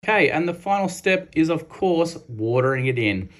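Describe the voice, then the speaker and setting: A man's voice: a little high, lively intonation, moderate pace. Australian man, thirties, lawn care host, step-by-step voice-over, casual and practical. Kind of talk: instructional voice-over.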